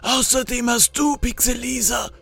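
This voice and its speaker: A foul-mouthed old ghost. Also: male voice, steady tone, moderate pace, vocal fry, music in the background. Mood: berating. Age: older. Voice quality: shrill, shouting, sing-song rants. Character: furious old male ghost of video games, foul-mouthed. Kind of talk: audiobook-style story narration.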